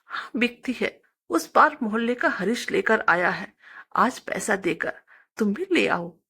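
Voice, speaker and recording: Woman doing an old stubborn village mother, raised, gravelly, husky, scolding tone, storybook read-aloud. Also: mid-range voice, expressive, measured pace, pushed and bright, full character voice. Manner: pleading, scolding. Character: poor elderly village mother, stubborn, tearful.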